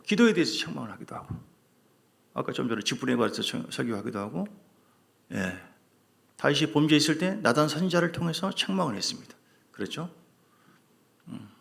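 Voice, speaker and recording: A man preaching a sermon, his voice sitting a bit high with a gravelly, fry-laced edge. He drives points home by repeating key words and tossing out rhetorical questions to the congregation. His delivery is emphatic and insistent. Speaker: pastor.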